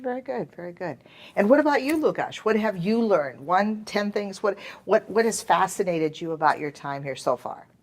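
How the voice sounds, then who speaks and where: A woman's voice: mid-range voice, animated, normal speed. A woman from the United States hosting a casual interview, asking short and encouraging follow-up questions. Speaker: host, museum president.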